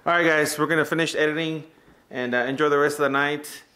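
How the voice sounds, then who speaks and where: A man's voice: on the high side, fairly even intonation, quick pace, sharp tone. Joking guy vlogging a cold cabin trip. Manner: joking, chatty, talks to viewers. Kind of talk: casual vlog chat. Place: cabin deck and indoors by a fire, in the cold.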